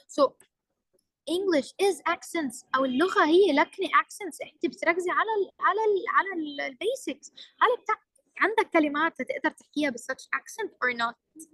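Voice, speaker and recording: A woman's voice: high voice, bright, forceful tone, dry recording, low-quality recording. A young woman with a Levantine Arabic accent, giving a workshop lecture as a trainer and mixing English phrases into her Arabic with emphatic stresses.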